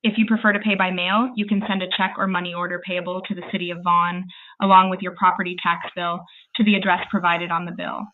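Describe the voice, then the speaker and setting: Fast and fairly low-pitched, the woman's synthetic voice barely moves in pitch. Speaking as a phone assistant, she delivers scripted customer service replies in a polite, formal way with zero hesitation, and the line is tinny with slight noise.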